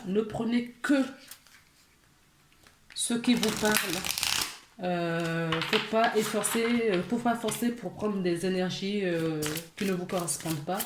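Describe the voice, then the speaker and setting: A woman's voice: mid-range voice, slow pace, reverberant, very noisy. A woman giving a casual tarot reading to her viewers, chatty, with many fillers, restarts and small laughs. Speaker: tarot card reader.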